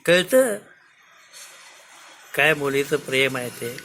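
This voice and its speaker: A man retelling a classic play to listeners in an animated, conversational way. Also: mid-range voice, takes it slowly. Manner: animated, conversational, acts out the parts. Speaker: storyteller, speaker. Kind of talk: lively spoken retelling of a play.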